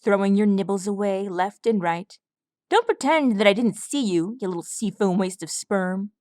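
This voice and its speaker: A woman's voice: medium pitch, lively intonation, moderate pace, darkish tone, no room sound, natural voice. Woman doing a storybook villain stallion, bearded, cruel, taunting and sneering, dry close sound. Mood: sneering menace.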